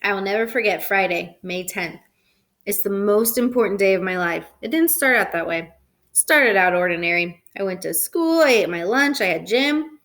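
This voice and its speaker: Woman reading a children's book aloud. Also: mid-range voice. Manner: expressive storytelling, shifting into character voices. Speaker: reader.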